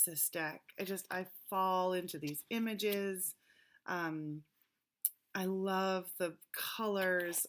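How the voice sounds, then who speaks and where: Lowish-voiced chatty woman, slightly hoarse. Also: fairly bright tone, slight background noise. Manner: chatty, rambling, with many fillers and laughs. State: recovering voice, slightly hoarse with coughs. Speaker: tarot vlogger. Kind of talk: casual chat to camera.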